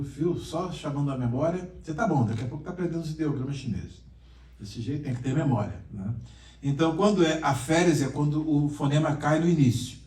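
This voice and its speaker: A male pastor lectures a Bible class, quizzing his students and joking with them as he goes. His voice sits a little high for a man. It echoes around the room, picked up from a distance. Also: darkish tone. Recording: roomy classroom echo, mic far off.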